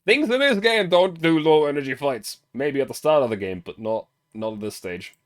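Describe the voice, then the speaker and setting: A man's voice: fairly high pitch, animated, moderate pace. A German man with a German accent, streaming as he reads a game's story aloud and chats about it. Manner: chatty, self-interrupting, laughs. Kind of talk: reading game story aloud with commentary.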